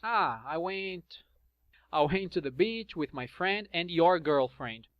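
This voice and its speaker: A man's voice: sits high, animated, slow pace, no room sound. A man voicing a casual, chatty young male student who speaks English. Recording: dull lo-fi sound.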